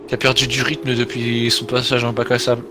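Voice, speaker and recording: A man's voice: medium pitch, monotone, a little fast. A man commentating live on a motor race as part of a pair, hesitating and repeating his phrases. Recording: clear background noise with vehicle sounds.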